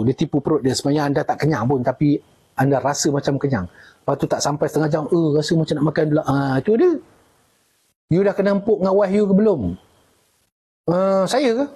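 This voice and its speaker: Man with Malaysian Malay accent, middle-aged, husky voice, mellow tone, casual live chat, answers comments. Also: on the high side. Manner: chatty, reads out and answers viewer comments, jokes a lot. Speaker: retired army major hosting a live stream.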